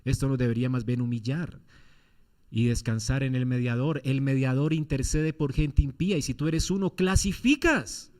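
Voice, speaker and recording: A man's voice: medium pitch, fairly even intonation, normal speed, mellow. A man preaching a sermon as pastor, firing off rhetorical questions with emphatic swings in his delivery.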